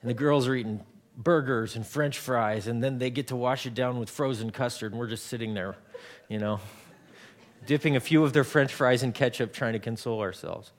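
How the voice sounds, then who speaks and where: A man's voice: mid-range voice, a little fast. Conversational man preaching a sermon. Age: 40s. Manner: conversational, repeats words, homely examples. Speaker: pastor.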